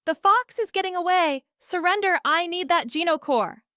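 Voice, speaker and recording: Woman doing a reckless teen girl, high and shrill. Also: slow pace, dry recording, studio quality, full character voice. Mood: shouting. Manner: shouting, impulsive. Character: bold reckless teenage girl heiress.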